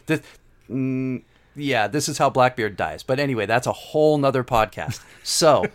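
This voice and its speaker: A middle-aged man talks casually as a podcast guest. He tells rambling, wry stories and keeps an easy conversational flow. His voice sits at an ordinary pitch. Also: moderate pace. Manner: storytelling, digressive, wry. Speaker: guest composer.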